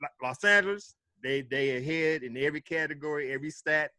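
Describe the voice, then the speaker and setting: A man's voice: fairly high pitch, a little fast, sharp tone. A man guesting on a casual sports podcast, laid-back as he lays out his case point by point.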